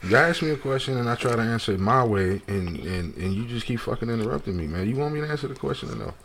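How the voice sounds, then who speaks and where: A man's voice: medium pitch, expressive, quick pace, vocal fry, background noise. A man, co-hosting a casual radio show and grumbling about being cut off. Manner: grumpy, complains about interruptions. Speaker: co-host.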